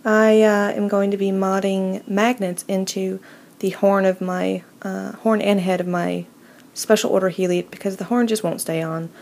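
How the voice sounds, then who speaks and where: A woman hosting a casual, unscripted craft tutorial, talking informally and haltingly as she thinks aloud. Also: mid-range voice, little pitch movement, creaky, a little mellow. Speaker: hobby video host. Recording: noisy home recording.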